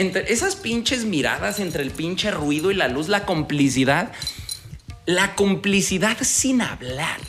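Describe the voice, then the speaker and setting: Un hombre joven con acento mexicano cuenta una historia de ligue en tono casual y lleno de jerga, hablándole al oyente como a un compa. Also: male voice, high-pitched, fairly bright tone. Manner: slangy, streetwise, addresses listener as buddy. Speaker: dating advice host. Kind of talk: casual storytelling monologue.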